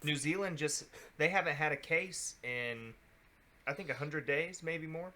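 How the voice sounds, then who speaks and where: A man co-hosting a casual sports podcast, speaking quietly in short remarks. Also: a little high, a little slow. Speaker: podcast co-host.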